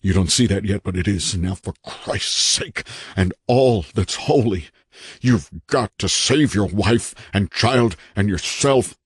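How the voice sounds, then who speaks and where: Voicing a terrified, half-mad audiobook character, a man sounds hoarse and strained, pleading desperately and urgently as he delivers his warnings. His voice is on the low side and slow, captured with studio quality and no room sound.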